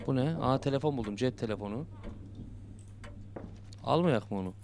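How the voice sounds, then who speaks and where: Joking and muttering to himself, a young man plays a horror game and yelps whenever he's startled. His mid-range voice is animated, creaky, and darkish at a moderate pace, with a little hiss or hum in the recording; he's a gaming YouTuber.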